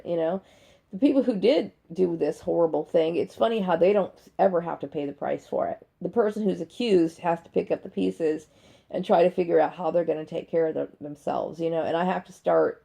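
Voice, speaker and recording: A video blogger in her forties talks to the camera from her bedroom at home, in a dry, gravelly voice that sits low and mellow. Her unscripted personal monologue is blunt and emphatic, and she keeps checking in with "okay?"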